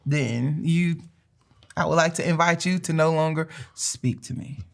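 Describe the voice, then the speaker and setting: A woman co-hosting a relationship podcast with her husband, in calm, measured casual chat with a teasing edge. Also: deep voice, vocal fry. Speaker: relationship coach, co-host.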